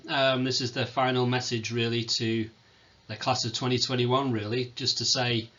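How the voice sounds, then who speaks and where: A man's voice: mid-range voice, moderate pace, lo-fi sound. Hesitant male teacher. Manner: hesitant, many ums, calls himself monotone. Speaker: sixth form teacher. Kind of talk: recorded farewell presentation.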